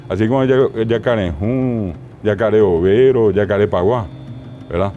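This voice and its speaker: A man with a Paraguayan Spanish accent, a linguist guest explaining place names in an interview, didactic and slow on each word. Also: lowish voice, muffled recording, slight background noise.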